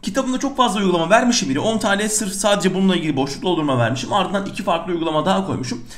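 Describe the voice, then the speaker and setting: A middle-aged man teaching a lesson on punctuation, animated, asking questions and answering them himself. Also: sits high, rapid-fire. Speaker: Turkish teacher. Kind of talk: lively lesson on punctuation exercises.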